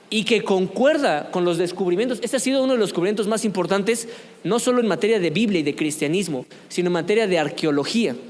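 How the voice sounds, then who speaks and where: Guy teaching a church youth class, high voice, asks the room stuff, big hall echo. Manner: conversational, asks the group questions. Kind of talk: church youth lesson on apologetics.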